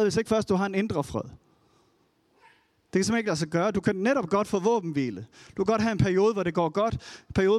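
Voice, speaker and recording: A man with a fairly high voice preaches a sermon in a relaxed, conversational way. He slips into animated storytelling when he retells a Bible story. The recording is dry and close, with no room sound. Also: dry recording.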